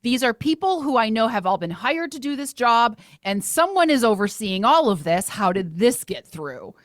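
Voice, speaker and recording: A woman in her thirties, a filmmaker guest in casual chat, talking in animated, laughing bursts. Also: fairly high pitch, normal speed, dry recording, clean studio sound.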